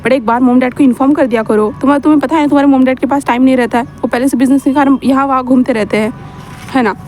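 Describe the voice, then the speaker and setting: A woman's voice: high-pitched, steady tone, very fast, a little mellow, a little hiss or hum, natural voice. A woman voicing a doting middle-aged mother who fusses with affectionate scolding. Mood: fussing.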